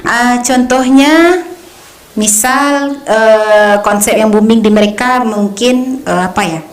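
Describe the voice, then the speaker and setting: A woman's voice: on the high side, slow, roomy sound. A young woman coaching speech contest skills, explaining with examples and frequent hesitations. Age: young adult. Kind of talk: conversational lesson.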